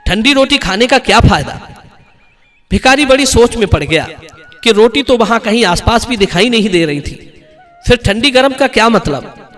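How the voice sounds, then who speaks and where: A man's voice: extremely high pitch, animated, normal speed, fairly bright tone, faint music behind. A man narrating a moral folk tale, addressing the listeners as friends. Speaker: storyteller.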